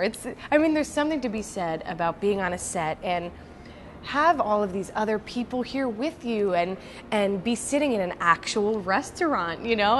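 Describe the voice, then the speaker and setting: Animated actress telling an interview story. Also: female voice, medium pitch, slight background noise. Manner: animated, acts out quoted voices, fillers like "like" and "you know".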